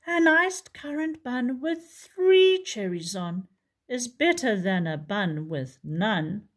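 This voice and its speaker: A woman's voice: fairly high pitch, very animated, slow pace, full character voice. A woman voicing a polite, patient male bear who pleads and sighs in a storybook reading. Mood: resigned. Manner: plaintive, pleading, sighing.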